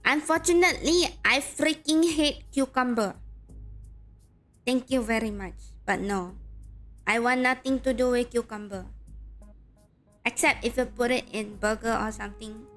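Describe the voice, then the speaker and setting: A woman with a lightly high-pitched voice streams a story game. She switches between reading narration and chatting casually, with game music underneath. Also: steady tone, normal speed. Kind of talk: casual livestream chat and read-aloud narration. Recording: background music behind voice.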